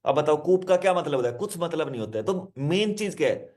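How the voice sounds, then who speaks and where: Male hypnotherapist, somewhat high voice, instructive self-help lesson, repeats each point and speaks straight to the listener. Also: animated, quick pace, a little mellow. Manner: repetitive, instructive, addresses listener directly; explains with simple word examples.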